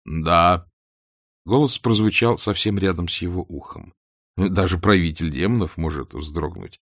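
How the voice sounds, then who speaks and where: Deep-voiced guy reading an audiobook, measured and dry, close dead-quiet sound. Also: no room sound. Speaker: audiobook narrator. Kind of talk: scripted narration.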